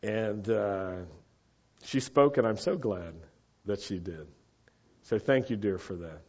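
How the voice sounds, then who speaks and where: In a muffled, lo-fi recording, a man with a lowish, darkish voice speaks slowly. He's giving a Torah-portion teaching sermon to a live congregation in a meeting room and sometimes directs questions to those listening.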